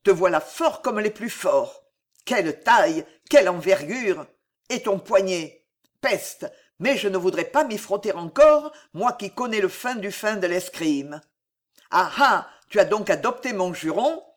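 Reader doing gruff old soldier father, blunt, swearing, audiobook figure, mid-pitched. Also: animated, measured pace, close to an everyday voice. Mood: jubilant. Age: older. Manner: gruff, exclamatory, full of oaths. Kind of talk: audiobook reading.

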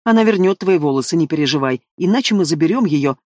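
A man's voice: on the high side, expressive, fast talker, a little mellow, dry recording, clean studio sound. A man doing a hissing vengeful stepmother. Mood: soothing. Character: hissing vengeful stepmother, middle-aged woman.

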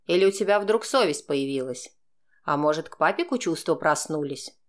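A smug young man drawls his taunts in a low, mocking voice that drips with insinuation, as a woman narrator puts him on. He sounds sure of himself and openly scornful, and his story voice sits well below her own. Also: expressive, normal speed. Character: brash mocking male student, young man.

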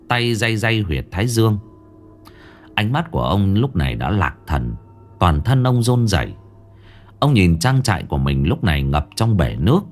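A man narrating a ghost story in a grave, expressive storytelling voice. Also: on the low side.

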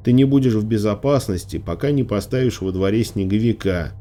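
A male audiobook reader voicing a nervous young boy, close to his own low voice. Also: brisk, mellow, close to an everyday voice. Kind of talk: audiobook character voice.

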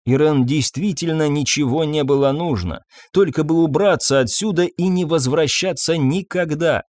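A man reading a story aloud with expressive storytelling. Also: fairly high pitch, normal speed, no echo, studio quality. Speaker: narrator. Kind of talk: audiobook reading.

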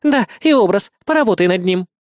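A man reading an audiobook, voicing a brash, scheming young goddess who talks loud and snappy. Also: high voice, animated, fairly quick, no echo, studio quality, pitched above the performer's own voice. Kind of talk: audiobook character voice.

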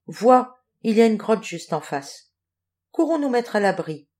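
A woman's voice: medium pitch, big pitch swings, measured pace, dark tone. A woman voicing a grumbling, kindly male pelican in a children's audiobook. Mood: calm. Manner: grumbling, reassuring. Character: grumbling male pelican, a patient helpful friend.

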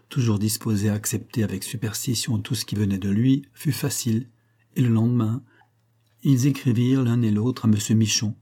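A man narrating a classic novel as an audiobook in a measured, even reading. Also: on the low side, breathy edge. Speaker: audiobook reader.

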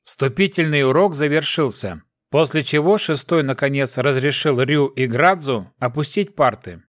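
A man's voice: mid-range voice, normal speed, no room sound. A man narrating a fantasy novel as an audiobook, reading steadily.

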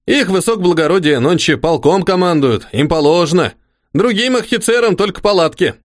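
A man's voice: high-pitched, lively intonation, a little fast, no room sound, clean studio sound, voice pushed up. A man doing an eager rustic soldier-servant. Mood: fussing. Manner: rustic folksy speech, fussing and eager. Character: devoted old-fashioned soldier-servant, humble and eager. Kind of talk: audiobook character voice.

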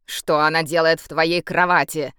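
A woman's voice: on the low side, animated, moderate pace, smooth, no echo, clean studio sound, natural voice. A woman reading a cold, commanding emperor. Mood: angry. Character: cold, possessive male emperor with a beastly temper. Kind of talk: audiobook character voice.

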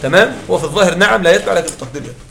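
This man teaches Arabic grammar to a class in a high, expressive voice with vocal fry, racing along as he explains things one step at a time and repeatedly asks whether everyone understands. It's an echoey room with background noise, and the mic sits far from him.

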